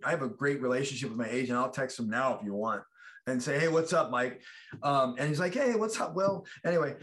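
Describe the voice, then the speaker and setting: A middle-aged actor from the United States, appearing as a guest, chats casually about his career. His voice is medium-pitched and fairly bright, and he rambles, restarts, and acts out the quotes in his stories.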